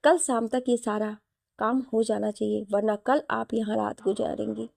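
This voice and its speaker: A woman's voice: on the high side, little pitch movement, normal speed, vocal fry, darkish tone, no room sound, clean studio sound. A woman voicing a stern young male boss who gives curt orders. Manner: curt and commanding.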